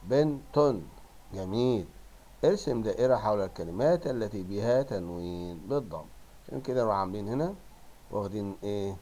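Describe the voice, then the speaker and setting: Egyptian man teaching children, low voice. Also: animated, dark tone. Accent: Egyptian Arabic. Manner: coaxing, drawn-out word modeling with praise. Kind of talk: primary school Arabic lesson.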